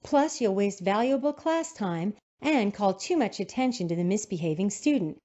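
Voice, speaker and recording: A woman narrating an educational video in a calm, instructive scripted manner. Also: mid-range voice, moderate pace. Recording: dull lo-fi sound.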